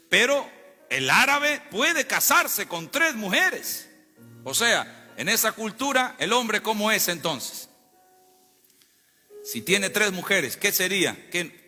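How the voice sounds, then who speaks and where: A man's voice: high voice, bright, forceful tone. A male pastor preaching a sermon, calling on the congregation to respond and repeat phrases. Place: church sanctuary. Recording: long hall reverb with faint music.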